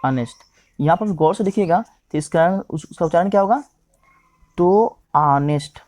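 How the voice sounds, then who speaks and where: A man teaching English grammar, who keeps pausing to ask himself questions and checking in with his listeners. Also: high-pitched, mellow, no echo. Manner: repeats "okay" and asks himself questions.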